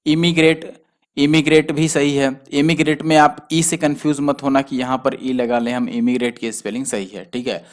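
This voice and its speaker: A man's voice: medium pitch, flat delivery. A man teaching a spelling lesson for exam students, who explains patiently and spells words out letter by letter. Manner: explains patiently, spells letters out slowly, often adds "theek hai". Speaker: exam prep tutor.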